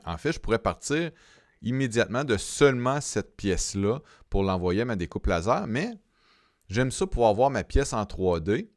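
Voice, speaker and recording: Low-voiced Québécois man teaching software. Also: no echo, studio quality. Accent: Québécois French. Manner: talks through each step, halting, with frequent fillers and repeated words. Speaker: software instructor. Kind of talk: screen-recorded software tutorial.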